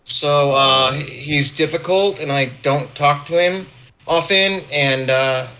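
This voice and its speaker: A man's voice: a little high, takes it slowly, pushed and bright. A man chatting casually, hesitant and apologetic. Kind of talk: casual chat.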